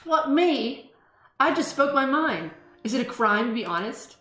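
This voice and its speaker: A woman's voice: sits high, lively intonation, unhurried, fairly bright tone. A woman voicing a blunt, defensive teenage schoolgirl in an amateur visual novel reading, emphatic and petulant. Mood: indignant, hurt. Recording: roomy sound, music behind.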